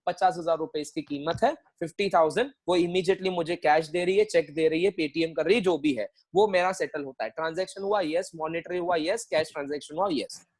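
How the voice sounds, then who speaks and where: High-voiced man teaching an online accounting class. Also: normal speed, hardly any pauses, rough recording. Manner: mixes Hindi and English, repeats phrases and quizzes students; playful, joking with students.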